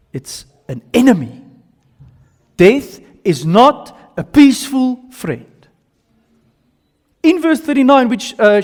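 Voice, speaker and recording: A man with an Afrikaans South African accent preaching a sermon in emphatic short phrases, repeating himself and putting questions to his listeners. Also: extremely high pitch. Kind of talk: sermon with slides and audience questions. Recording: long hall reverb.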